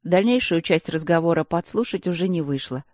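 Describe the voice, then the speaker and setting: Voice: medium pitch, animated, darkish tone, dry recording. Dry, close audiobook narrator. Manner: measured storytelling. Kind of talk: scripted narration.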